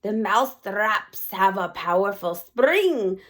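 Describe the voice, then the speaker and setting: A woman voicing a gloating, evil old witch queen in a read-aloud children's book, shouting with broken grammar. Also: medium pitch, expressive, takes it slowly. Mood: gloating chant.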